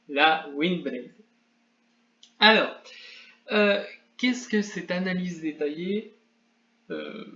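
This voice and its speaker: A man's voice: on the high side, sharp tone. A man hosting a video game guide, methodically explaining a game skill over slides with a lightly self-mocking touch. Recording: dull lo-fi recording, faint background noise.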